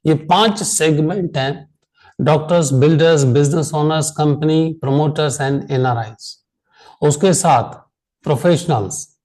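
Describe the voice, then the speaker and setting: An Indian man leading an online insurance sales training, tired after a long meeting, speaking slowly and repeating key phrases for emphasis. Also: a little high, mellow, poor audio.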